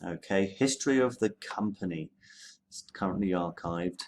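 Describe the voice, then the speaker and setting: Low-voiced male history teacher, relaxed. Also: normal speed, slight background noise. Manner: relaxed, many ums and okays. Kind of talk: screen-share tutorial.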